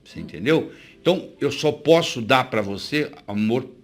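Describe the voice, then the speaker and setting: A man's voice: mid-range voice, animated, moderate pace. A man with a Brazilian accent giving a motivational talk, speaking straight to the viewer and asking rhetorical questions. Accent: Brazilian Portuguese.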